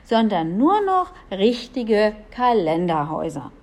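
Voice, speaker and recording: A woman's voice: mid-range voice, big pitch swings, unhurried, a little mellow. A woman voicing a shy young prince in a children's story, speaking earnestly.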